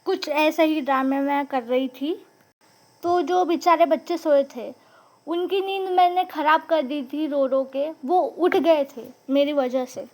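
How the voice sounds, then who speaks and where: A woman with a high voice recounts a personal story at an unhurried pace. She tells it dramatically, repeating phrases for emphasis. She slips English words into her talk. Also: a little mellow. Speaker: vlogger.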